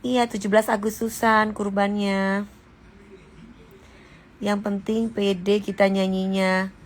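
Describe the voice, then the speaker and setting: A woman's voice: medium pitch, little pitch movement, slow pace, a little hiss or hum. A woman hosting a casual live stream, chatty and teasing, scolding viewers and singing short snippets. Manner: sings short snippets mid-talk. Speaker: livestream host.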